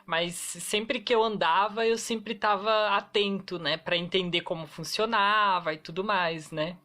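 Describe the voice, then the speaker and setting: A man's voice: high voice, fairly even intonation, a little slow, bright, forceful tone. A man telling a personal story on a podcast, hesitant and sprinkled with tag fillers. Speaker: podcast co-host, actor. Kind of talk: casual storytelling.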